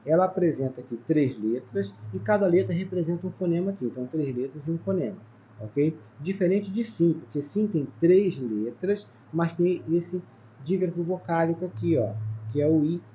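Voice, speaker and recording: Brazilian teacher counting letters aloud. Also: male voice, fairly high pitch, lively intonation, moderate pace, mellow. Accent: Brazilian Portuguese. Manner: explains step by step, counting aloud, with frequent "tá?" and "ó" checks. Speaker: Portuguese teacher. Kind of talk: exam-prep lesson at a whiteboard. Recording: slightly dull sound with faint background noise.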